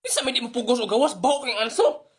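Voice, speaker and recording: A man's voice: extremely high pitch, quick pace, breathy edge. Brash teasing genie granting wishes, put on by a man.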